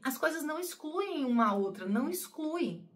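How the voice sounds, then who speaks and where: A woman's voice: high-pitched, expressive, moderate pace. A woman talking to her viewers in a personal, emotional monologue. She rambles, repeats herself and often calls her audience "gente". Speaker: spiritual channel host.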